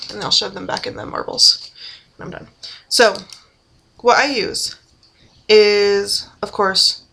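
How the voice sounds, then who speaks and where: A woman's voice: mid-range voice, gravelly, pushed and bright. A young woman chatting casually and goofily through a makeup tutorial at home, full of fillers and self-mocking jokes. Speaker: beauty vlogger. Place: home room.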